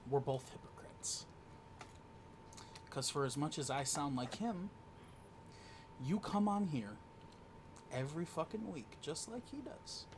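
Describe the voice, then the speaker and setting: A man's voice: a little high, big pitch swings, measured pace, pauses often, background noise. A man cutting a heated wrestling promo, swearing and stammering as he argues. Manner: heated, profane, shouting and stammering. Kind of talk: in-ring promo argument.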